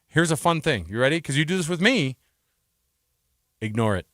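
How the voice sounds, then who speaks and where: A man's voice: a little high, normal speed, dry recording, clean studio sound. A man in his forties hosting a radio talk show, chatting casually and slipping into put-on voices for his stories. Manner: animated, slips into put-on voices for anecdotes. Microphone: studio mic.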